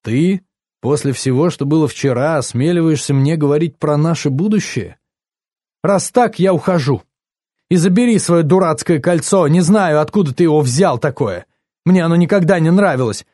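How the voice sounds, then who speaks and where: A manipulative young woman pleads and snaps by turns, as a male audiobook narrator raises his voice to play her. Her tone stays dark and mellow. The sound is close and dry. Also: on the high side, moderate pace, no room sound, pitched above the performer's own voice, close to an everyday voice. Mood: indignant. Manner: emotional, pleading then indignant. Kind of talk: audiobook character voice.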